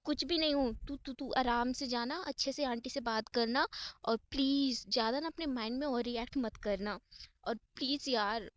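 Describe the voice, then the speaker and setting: A woman's voice: fairly high pitch, moderate pace, natural voice. A woman voicing a bossy, protective female friend who scolds and teases in a spoken story. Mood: scolding.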